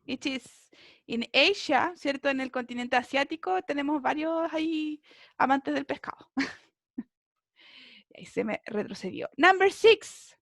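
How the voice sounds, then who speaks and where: A woman's voice: sits high, expressive, measured pace, fairly bright tone, no room sound, clean studio sound. A woman teaching a beginner English class over a video call, encouraging and often checking in with her students.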